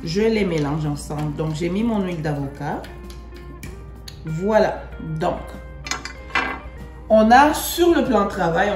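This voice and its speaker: A woman's voice: fairly low pitch, a little mellow, reverberant. A woman from Congo giving a cooking demonstration, chatting and rephrasing herself as she works. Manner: chatty, repeats and rephrases while working. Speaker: home cook presenting a recipe.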